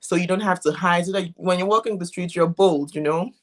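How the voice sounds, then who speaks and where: A middle-aged woman from Ghana, a legal interpreter explaining things as a guest on a live video call. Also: lowish voice. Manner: explanatory, unhurried with frequent restarts. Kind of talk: casual interview. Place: home in Germany.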